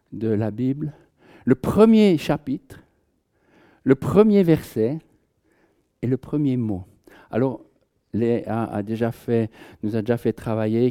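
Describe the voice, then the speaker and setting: A man's voice: medium pitch, dark tone. A man giving an informal Bible teaching to a group, conversational, joking with listeners and often restarting his sentences. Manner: conversational, jokes with the audience, many restarts. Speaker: preacher.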